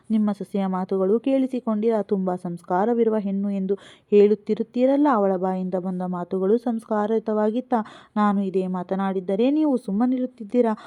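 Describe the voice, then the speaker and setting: A woman reading the lines of a protective, sharp-tongued mother-in-law who scolds and soothes by turns. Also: medium pitch, no echo, close to an everyday voice. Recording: phone-like narrow sound.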